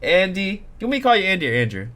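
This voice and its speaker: A man hosting a casual online video game quiz show, jokey and quick to laugh. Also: high-pitched. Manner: jokey, laughs often, lively.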